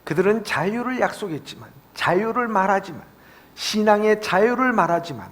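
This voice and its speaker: High-voiced emphatic male pastor. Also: animated, normal speed, fairly bright tone. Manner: emphatic, climbs high on stressed phrases. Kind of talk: sermon.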